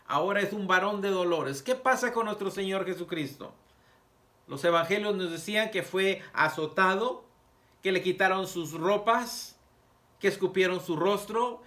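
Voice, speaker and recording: A man preaching a Sabbath school lesson, reading scripture aloud with emphatic pauses and asking the congregation rhetorical questions. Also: high voice, pushed and bright. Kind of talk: sermon.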